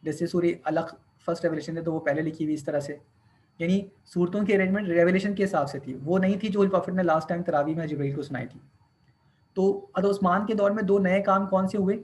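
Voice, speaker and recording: A man's voice: high-pitched, a little fast, a little mellow. A man teaching a class, explaining step by step, counting points aloud and mixing English terms into his speech. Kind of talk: classroom lecture.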